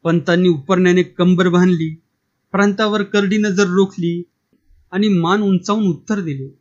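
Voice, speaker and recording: A man narrates a story in an expressive, dramatic manner. His voice is high. The recording sounds dull and lo-fi. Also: normal speed.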